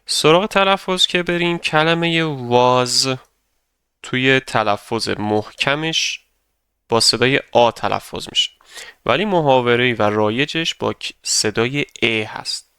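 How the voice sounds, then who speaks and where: A young male teacher walks through a grammar lesson patiently, step by step. His voice is bright and smooth, and he says example sentences slowly for students to repeat. The recording is dry and close to the mic. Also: medium pitch, dry recording. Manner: patient, explains step by step, models English sentences slowly for repetition. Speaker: English teacher. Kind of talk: grammar lesson narration over slides.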